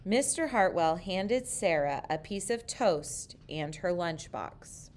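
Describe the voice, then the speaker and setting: Slow, careful woman storyteller. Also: lowish voice. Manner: slow, careful, expressive reading. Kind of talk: children's picture book read-aloud.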